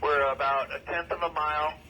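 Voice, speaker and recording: A firefighter on an emergency two-way radio, giving steady, clipped scene reports with short pauses. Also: male voice, a little high, slight background noise, poor audio. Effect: two-way emergency radio transmission. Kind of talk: terse radio dispatch report.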